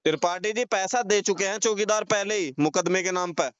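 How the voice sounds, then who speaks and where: On a recorded phone call, a man argues heatedly, confrontational and insistent, accusing the other person and going over his points again and again in colloquial speech. His voice sits high and fairly quick, with a clean tone.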